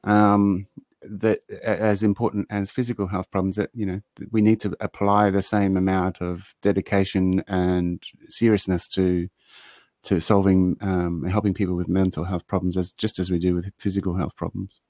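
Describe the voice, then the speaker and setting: A man's voice: low-pitched, flat delivery, normal speed, darkish tone, no room sound. A man speaking as a guest in a live-streamed discussion, hesitant with frequent restarts. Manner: hesitant, many fillers and restarts. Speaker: guest panelist.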